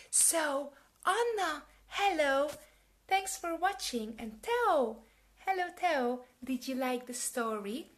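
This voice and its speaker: A woman in her thirties hosting a live English story time for young children on a webcam from home, speaking clearly in a warm sing-song teacher manner. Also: on the high side. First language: Hungarian.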